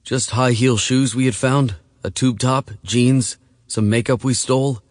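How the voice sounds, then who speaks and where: A man reading an audiobook voices a frightened, skinny nineteen-year-old runaway boy who speaks in halting, broken phrases and cries. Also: mid-range voice, fairly even intonation, no room sound, studio quality, natural voice. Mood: nervous. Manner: halting, fragmented speech, crying.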